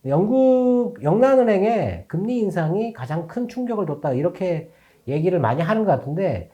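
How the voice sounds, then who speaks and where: Mellow-voiced man explaining the stock market. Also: high-pitched, big pitch swings, normal speed, muffled recording. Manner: thoughtful, restarts and repeats phrases while reasoning aloud. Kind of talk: explaining the market on a finance show.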